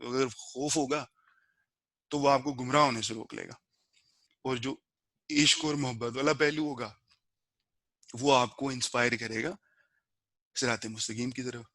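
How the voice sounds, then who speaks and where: A man explaining a book of spiritual rules step by step in a relaxed, conversational teaching style, slipping English words into his talk. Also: mid-range voice, no echo. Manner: slow measured recitation of a prayer verse. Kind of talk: informal spiritual lesson.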